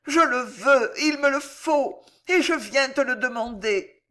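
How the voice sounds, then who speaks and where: A woman's voice: sits high, takes it slowly, bright, forceful tone, voice pushed up, full character voice. Woman voicing a passionate pleading young noblewoman. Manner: impassioned, tremulous, heightened. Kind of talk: audiobook reading.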